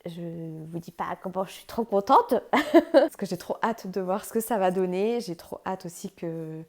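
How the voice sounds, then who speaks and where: A woman hosting a crafts channel, chatting casually and excitedly through an unboxing, often breaking into laughter. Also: mid-range voice, moderate pace.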